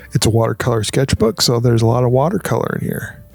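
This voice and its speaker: Hushed, creaky-voiced man vlogging quietly at night. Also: medium pitch. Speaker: art channel host. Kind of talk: casual sketchbook tour vlog.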